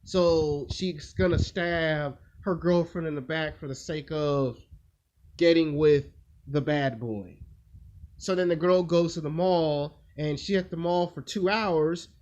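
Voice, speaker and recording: A man with a fairly high, somewhat dark voice hosts his own video, speaking slowly as he tells a crude, rambling story in a blunt, casual monologue. He loosely acts out the quoted lines as he goes. The audio is dull and lo-fi, with faint noise.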